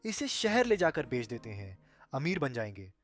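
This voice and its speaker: A man voicing a foolish, overconfident young brother in a cartoon story, boastful and quick to panic. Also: mid-range voice, very animated, soft background music, lightly acted.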